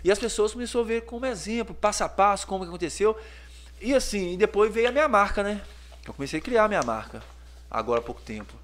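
A Brazilian man, a clothing store owner, telling lively stories in a casual podcast interview and acting out the voices of people in them. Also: high-pitched, fast. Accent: Brazilian Portuguese. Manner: lively storyteller, acts out voices and sounds.

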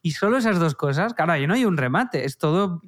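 A man's voice: a little high, fast talker. Enthusiastic man in his thirties. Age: 30s. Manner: enthusiastic, animated storytelling. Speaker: comedian and podcast co-host. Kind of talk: casual podcast chat.

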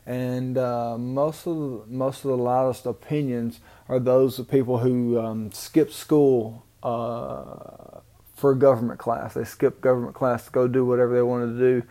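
A Southern-accented man from Mississippi rambles through a casual solo podcast, full of ums and restarts. He has a mellow, medium-pitched voice with a flat delivery and a measured pace, recorded on an amateur home microphone.

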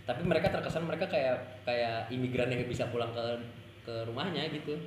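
A man's voice: medium pitch, a little fast, roomy sound, slight background noise. A man co-hosting a casual podcast, rambling in slang and laughing often. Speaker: podcast co-host.

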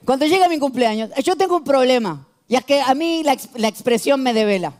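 A man in his thirties with an Argentine accent, preaching a sermon in an animated, humorous way and acting out shouted quotes. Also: extremely high pitch, fairly quick. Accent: Argentine Spanish. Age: 30s.

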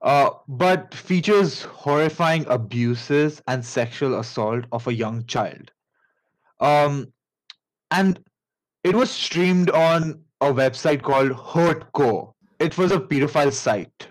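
A man with an Indian accent tells a story on a casual podcast at an unhurried pace. He rambles and halts, restarting his sentences and leaning on fillers. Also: fairly high pitch, rough recording. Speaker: podcast host.

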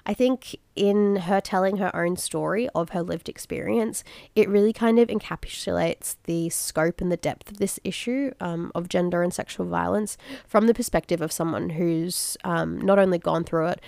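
A young Australian woman in her twenties hosts a podcast with a stuffy, nasal voice from a head cold. Her low voice has a gravelly fry, and she talks earnestly with easy fillers. The sound is close and dry. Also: darkish tone, dry recording. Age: 20s. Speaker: podcast host. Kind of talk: casual podcast monologue.

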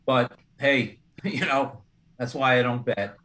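An older man on a casual sports talk panel, measured and skeptical in his opinions. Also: medium pitch, a bit bright, poor audio.

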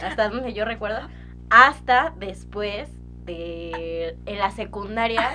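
A young woman with a Mexican accent telling childhood stories in a casual podcast chat, animated and slangy, acting out her younger self. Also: medium pitch, takes it slowly, faint music behind. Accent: Mexican Spanish. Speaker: podcast co-host.

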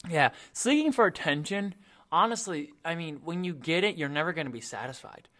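A man's voice: fairly high pitch, expressive, brisk, a bit bright. A man talking earnestly and a little ramblingly in a casual faith discussion, co-hosting a Bible talk.

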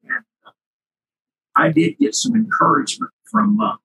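An older man with a cracking, husky voice and sinus trouble, reminiscing casually and haltingly as an interview guest. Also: sits high, lively intonation, sharp tone, a little hiss or hum, rough recording. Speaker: interview guest, retired researcher.

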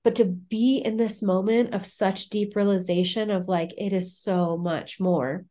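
A woman's voice: medium pitch, fairly even intonation, a little slow, warm tone. Earnest reflective woman podcast guest. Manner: earnest and reflective, many "like" fillers. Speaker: guest, courage coach. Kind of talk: casual podcast interview.

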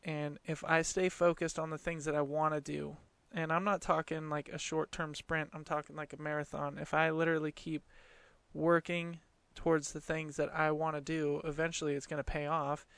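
A man's voice: fairly high pitch, flat delivery, normal speed, gravelly, a bit bright, clean tone, dry recording. A man in his late twenties hosting a casual solo podcast from a small closet, talking in an informal, earnest, conversational way. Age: late 20s. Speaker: podcast host.

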